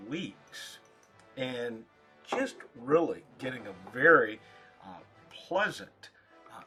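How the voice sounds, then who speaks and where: A man giving a casual, rambling product review in short, halting phrases, as a reviewer talking to his viewers. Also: mid-range voice, a bit bright. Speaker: pipe tobacco reviewer.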